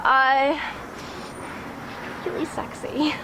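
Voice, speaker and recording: A high-pitched young woman gushes breathlessly in an interview. She giggles and trips over her words like a devoted fan. Steady background noise fills the recording. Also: drawn-out words. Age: 20s. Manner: gushing, giggly, breathless superfan talk.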